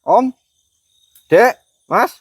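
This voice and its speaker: A man exploring outdoors at night on a ghost hunt, wary and excitable, loudly challenging what he meets. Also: extremely high pitch, drawn-out words, slightly rough, no room sound. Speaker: ghost-hunting vlogger.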